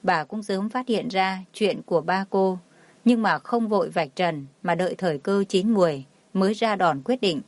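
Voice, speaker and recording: A woman's voice: mid-range voice, moderate pace, dry recording. Dry-voiced woman narrating a drama story. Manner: reads all the figures herself, barely changing her voice. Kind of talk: scripted narration.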